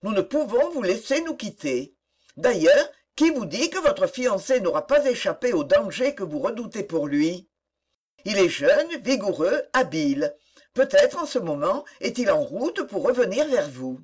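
A tender, motherly woman coaxes and soothes in a husky voice that rises and falls freely, as a reader puts her on. An audiobook character voice. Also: medium pitch, sing-song, unhurried, a little mellow. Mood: soothing. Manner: soothing, coaxing.

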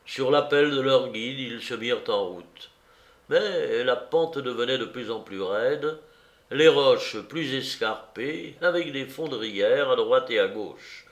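A man narrating a story aloud in a measured, expressive way. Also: mid-range voice. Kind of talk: audiobook narration. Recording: roomy echo.

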